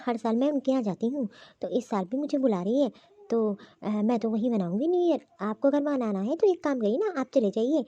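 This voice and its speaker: A woman's voice: on the high side, mellow, no room sound, highs cut off. A woman voicing a stubborn selfish young wife. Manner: stubborn, insistent talk. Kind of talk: Hindi cartoon voice acting.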